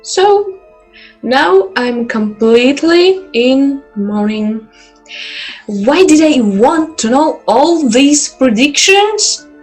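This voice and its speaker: A woman's voice: high-pitched, poor audio. A woman playing a dramatic, exclamatory client who visits a fortune teller. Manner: dramatic, exclamatory, slowly drawn out.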